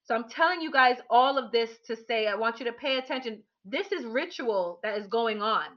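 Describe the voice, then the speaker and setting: Woman, higher voice, candid animated storyteller, dull lo-fi recording. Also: a little fast. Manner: candid, animated, frequent restarts and fillers. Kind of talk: personal storytelling to an audience.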